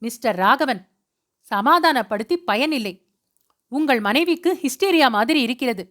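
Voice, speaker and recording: A woman voicing a calm, level-headed young woman who speaks firmly in a storybook reading. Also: high-pitched, moderate pace.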